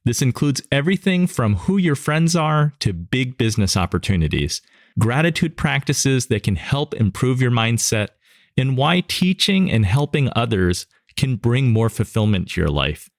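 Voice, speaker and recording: Enthusiastic male interview host; lowish, very lively pitch, dry recording. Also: moderate pace, no echo. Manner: upbeat, enthusiastic questioner. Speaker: podcast host. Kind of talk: podcast interview hosting.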